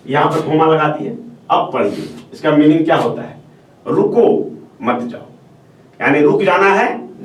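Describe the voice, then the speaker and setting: A male teacher giving a step-by-step classroom lecture on answer writing, repeating phrases and checking in with the class as he goes. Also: fairly high pitch. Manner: explains step by step, repeats phrases, often says "ठीक है". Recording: echoey room, voice from far off, faint hiss.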